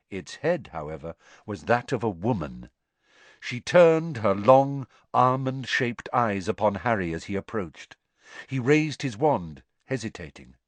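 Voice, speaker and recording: A man's voice: medium pitch, slightly rough, dry recording. A man reading a story aloud as narrator, with dramatic, tense storytelling. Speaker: audiobook narrator. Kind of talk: scripted narration.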